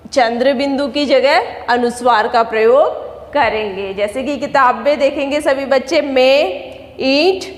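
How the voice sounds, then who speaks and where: A woman teacher giving a grammar lesson to children, explaining step by step and answering her own questions. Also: high-pitched. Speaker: school teacher. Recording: echoey room with long reverb.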